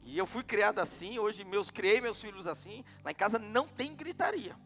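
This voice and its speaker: A man's voice: high voice, animated, normal speed, fairly bright tone, in a large hall, faint music behind. A middle-aged man with a Brazilian Portuguese accent preaching a sermon, telling stories and asking the congregation questions. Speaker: pastor.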